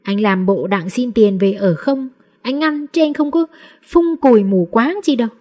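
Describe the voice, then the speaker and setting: A cheeky, hungry street boy, rude and defiant, as a woman puts him on in a storybook reading. The voice sits dark and mellow with a husky edge, and jumps up higher when he snaps back. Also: animated, moderate pace.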